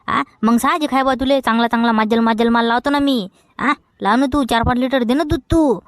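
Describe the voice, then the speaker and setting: A woman's voice: fairly high pitch, fairly quick. A woman playing a bantering Vidarbha village lad. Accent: Vidarbha Marathi. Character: young village man Khandu, shy. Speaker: comedy actor. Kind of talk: rural comedy sketch acting.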